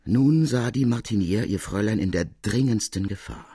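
A man narrating a classic tale as an audiobook, in an expressive, dramatic reading. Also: fairly low pitch, normal speed, breathy edge, no room sound, clean studio sound.

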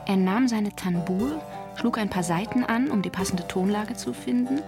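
Brief: female audiobook narrator, calm, gravelly, lowish, soft music under. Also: moderate pace.

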